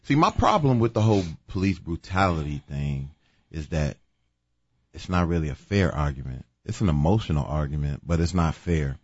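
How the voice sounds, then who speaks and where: A very deep-voiced man holds forth on a talk show, pushing each point hard and slipping in sarcastic asides. The sound is dry and a little dull. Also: normal speed, breathy edge, no echo. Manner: animated, emphatic, sarcastic asides. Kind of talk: casual opinion chat.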